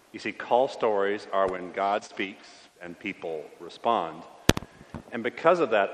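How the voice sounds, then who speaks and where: A man preaching a sermon in a church, telling a story in an earnest, plain way and letting his voice drop softly at the ends of phrases. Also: on the low side, a little hiss or hum. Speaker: pastor. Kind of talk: sermon with first-person storytelling. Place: church sanctuary. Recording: long church reverb.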